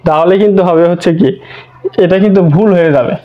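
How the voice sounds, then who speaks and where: The audio is a dull, lo-fi recording of a man teaching English grammar online. His voice is high-pitched and quick, and he breaks the lesson into steps, repeating words and posing rhetorical questions.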